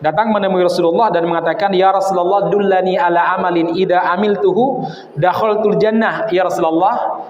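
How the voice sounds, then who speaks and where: A man preaching at a religious study session, quoting Arabic passages and explaining them in a relaxed, chatty way, sprinkled with local words. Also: high voice, a little fast, a little hiss or hum. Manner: quotes Arabic then explains, uses Javanese words. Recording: echoey hall, dull sound.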